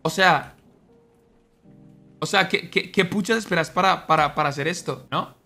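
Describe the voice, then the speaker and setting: A young man streaming, talking earnestly to his chat in an animated, preachy way. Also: a little high, normal speed. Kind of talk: casual monologue to stream chat. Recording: faint music behind.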